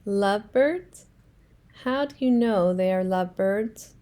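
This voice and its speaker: A woman's voice: mid-range voice, takes it slowly, dark tone, pitched below the performer's own voice, natural voice. A woman voicing an anxious, fretful male elephant in a children's storybook read-aloud, asking worried questions. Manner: worried, questioning, rising alarm.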